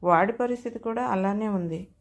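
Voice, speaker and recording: A woman narrating a comic audio story in a lively first-person storytelling manner. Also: mid-range voice, normal speed.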